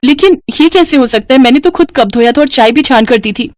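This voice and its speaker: A woman voicing a meek, gentle young daughter-in-law in an animated storybook, speaking softly and pleadingly. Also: sits high, brisk, a little hiss or hum, pitched above the performer's own voice. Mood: hurt. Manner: soft, pleading.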